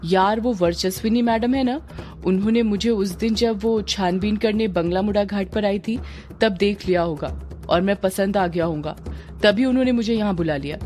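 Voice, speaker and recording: A woman's voice: medium pitch, moderate pace, darkish tone, faint music behind, lightly acted. A woman voicing a chatty, joking young village man who is smitten with an officer. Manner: chatty, teasing.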